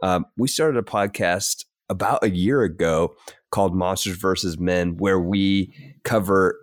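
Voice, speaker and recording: A man's voice: sits low, measured pace, no echo, studio quality. A man in his thirties from the United States, chatting casually as a podcast guest. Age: 30s. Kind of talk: casual chat.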